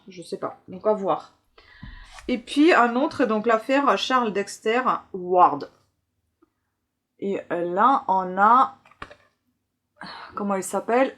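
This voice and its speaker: A woman talks casually to her viewers as a book vlogger, showing her haul one item at a time. She speaks hesitantly and pauses often on filler sounds, keeping an easy, chatty manner. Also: medium pitch.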